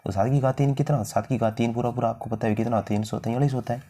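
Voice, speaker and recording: A man's voice: mid-range voice, fairly even intonation, fast, dark tone. A man teaching a math lesson step by step, asking questions to the viewer and answering them himself.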